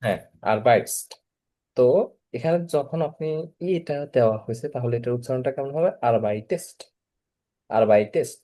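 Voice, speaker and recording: A man's voice: mid-range voice, a little fast, dark tone. A man teaching German verb conjugation in an online class, patiently repeating each form and asking students to respond.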